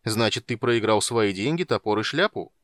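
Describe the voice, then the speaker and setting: A man's voice: fairly low pitch, animated, moderate pace, fairly bright tone, no echo, clean studio sound. A man voicing a hot-tempered young male warrior with curt, growling retorts. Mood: angry.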